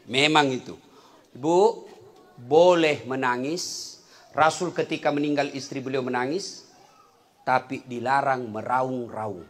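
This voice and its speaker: A man giving a humorous sermon, animated, joking and acting out little scenes as he preaches to a gathered audience. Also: mid-range voice. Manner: animated, jokes and acts out scenes, shouts takbir.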